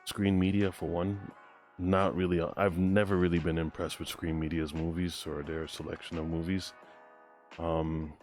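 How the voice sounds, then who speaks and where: A man's voice: deep voice, level tone, moderate pace, a little mellow, soft background music. A man hosting a reaction video, talking casually and unscripted, telling stories informally and repeating points for emphasis. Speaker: host of a trailer reaction video.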